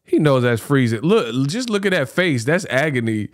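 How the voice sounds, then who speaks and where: A man's voice: medium pitch, big pitch swings, moderate pace, heavy background noise. A man in his thirties hosting a reaction video with colloquial, teasing commentary, often repeating himself. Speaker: reaction channel host. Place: small home studio, indoors. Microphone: close microphone on a stand.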